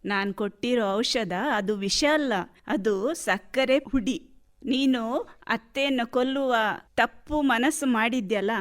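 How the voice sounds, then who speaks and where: A serene holy woman, played by an actress in a radio play, she speaks in a gentle, measured, motherly way and her voice sits a little high. she offers her counsel slowly and patiently. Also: lightly acted. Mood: reassuring. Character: wise calm female holy woman advising villagers. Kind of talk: radio drama acting.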